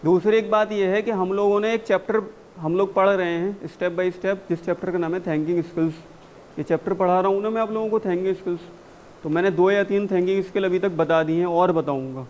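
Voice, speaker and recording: A man coaching spoken English in a classroom, mixing Hindi and English, drilling phrases slowly and urging students to read with energy. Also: sits high, fairly even intonation, a little mellow, highs cut off, slight background noise. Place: university classroom.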